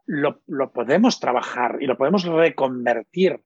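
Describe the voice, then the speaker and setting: A man's voice: medium pitch, animated, normal speed, darkish tone, husky, dry recording. A man, a coach who explains his methods thoughtfully in an interview and often hesitates mid-sentence. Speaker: coach and trainer. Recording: dull, lo-fi, dry.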